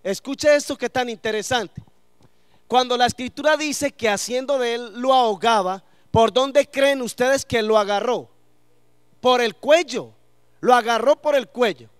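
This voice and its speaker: A man's voice: very high-pitched, measured pace, smooth, dry recording, studio quality. A man preaching a sermon to a congregation in church, asking them questions and letting them answer.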